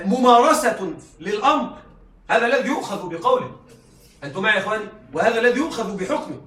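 A male teacher with a high, fairly bright voice gives a classroom lecture, often checking that his students are following. The room is echoey and the mic is far off.

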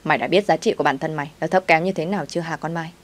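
A woman voicing a spiteful young female coworker who taunts and shouts. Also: low-pitched, rapid-fire. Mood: hostile.

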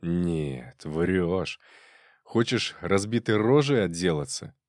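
A man voicing a jealous, drunk police captain who shouts coarsely. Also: low-pitched, expressive, slow pace, no room sound, clean studio sound. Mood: menacing.

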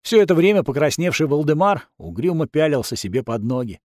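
A man's voice: a little high, very animated, a little fast, darkish tone, no room sound, clean studio sound. A man narrating a first-person fantasy audiobook in a wry, sardonic manner.

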